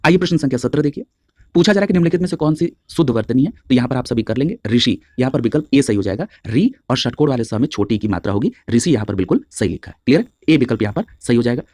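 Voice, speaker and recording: Brisk Hindi teacher asking "clear?". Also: male voice, medium pitch, expressive, darkish tone, dry recording, clean studio sound. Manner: drills each answer, checks with a constant "clear?"; spells words out slowly letter by letter. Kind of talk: exam-prep spelling lesson.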